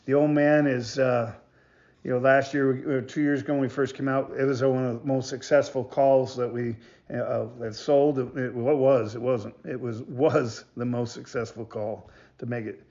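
A man giving a casual product demonstration as a maker of hunting calls, talking in a halting, rambling way and often repeating himself. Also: medium pitch, steady tone, a little mellow, highs cut off. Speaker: goose call maker presenting products.

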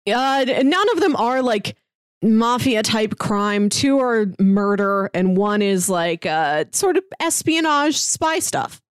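A woman co-hosts a podcast, chatting casually with hesitant asides while pitching films and reading synopses. Her voice is fairly high with lively intonation, slow and smooth. The studio recording is clean, with no room sound.

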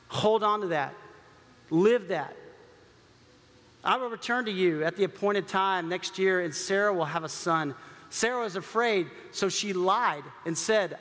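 A man's voice: high-pitched, fairly bright tone. A male pastor preaching a sermon who restarts words and asks the listeners rhetorical questions. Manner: repeats words, stammers at starts, rhetorical questions. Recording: long reverb of a hall.

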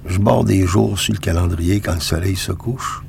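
Very deep gravelly weary loner. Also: male voice, moderate pace, slight background noise. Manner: weary, low, soft-spoken. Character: tired lone man wandering, fond of cars. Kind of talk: first-person radio drama narration.

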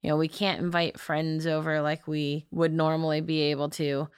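Smooth-voiced woman co-hosting a podcast. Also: sits low, flat delivery, normal speed, no room sound, studio quality. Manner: warm, laughs often. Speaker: podcast co-host. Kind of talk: casual chat.

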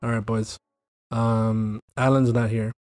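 A man's voice: on the low side, slow pace, over music. A man co-hosting a casual video game podcast, reading news items and joking around with his co-host. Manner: joking, animated, reads news bullet points. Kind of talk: casual gaming podcast chat.

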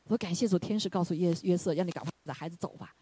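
Woman preaching, husky, bursts of hallelujah. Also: rapid-fire, no room sound. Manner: swells to loud exclamations of hallelujah, then drops low; asks the congregation questions. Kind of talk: sermon.

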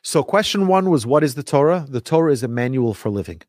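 A man teaching religion like a rabbi, telling stories emphatically with rhetorical questions and deliberate repetition. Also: mid-range voice, expressive, a little mellow, dry recording, clean studio sound. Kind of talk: lively religious lecture with storytelling.

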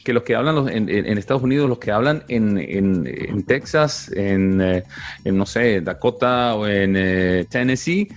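A man's voice: on the low side, animated, a little slow. Chatty man with lots of fillers. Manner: hesitant, many repeated words and fillers. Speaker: podcast co-host. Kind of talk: casual podcast chat. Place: living in England.

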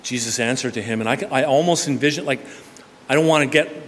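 A male pastor preaches in an everyday conversational manner, mid-range in pitch, rising to loud emphatic bursts and then dropping to a near hush. His voice carries a long reverb from the church sanctuary. A faint murmur of room noise sits under it. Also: fast. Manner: conversational preaching with sudden swings from loud to hushed. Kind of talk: sermon.

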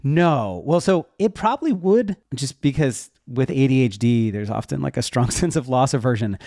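With an expressive, warm, mid-range voice at normal speed, a man who teaches web development chats as a podcast guest, drawing candidly on his own experience. The sound is clean studio audio with no room sound.

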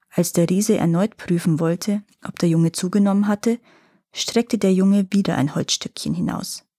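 A woman storyteller reading a fairy tale aloud in a calm, even manner, with a slightly husky voice. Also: fairly low pitch, no room sound, studio quality. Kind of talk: scripted fairy-tale narration.

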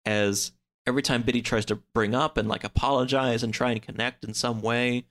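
With a fairly bright, medium-pitched voice and a steady tone, this podcast guest talks briskly. He rambles through a story in casual conversation, uses "like" a lot, and acts out the characters' dialogue.

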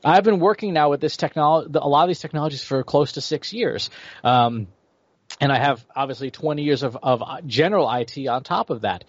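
A man's voice: on the high side, brisk, no echo. A man in his forties, a guest expert giving explanatory interview answers, lecturing and checking in with "right?". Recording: dry, slightly dull lo-fi audio.

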